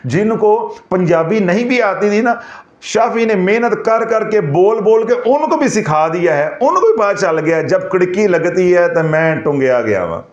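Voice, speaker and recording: A man giving a devotional lecture as a spiritual teacher, animated and mixing in humor. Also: high-pitched, measured pace, echoey room, muffled recording. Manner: animated, mixes in Punjabi phrases and humor.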